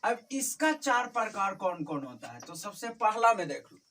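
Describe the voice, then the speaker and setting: Teaching in a tuition classroom, a woman speaks at an ordinary speed with a medium pitch, large swings in intonation, and a slightly bright tone. She repeats terms and often checks that students follow along. The recording is from a distant microphone, with faint noise behind her.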